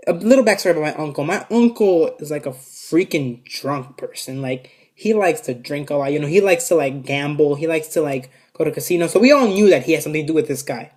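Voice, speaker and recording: This vlogger's medium-pitched voice has a somewhat dark tone as they recount a story straight to a camera placed before them. They swear freely, and the telling meanders, full of fillers and false starts in a relaxed storytime manner.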